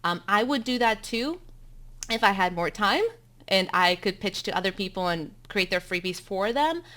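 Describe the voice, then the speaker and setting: Running an upbeat live webinar for bloggers from home, this woman in her thirties chats with frequent ums in a South African accent; she's from South Africa and her native language is Afrikaans. Her mid-range voice has a sharp tone and lively intonation at a moderate pace.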